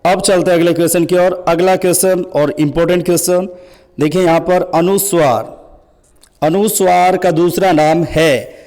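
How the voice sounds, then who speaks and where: A male grammar teacher running an exam-prep quiz lesson, urging viewers to answer fast and often checking whether it is clear. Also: sits high, fairly even intonation, darkish tone, long reverb tail.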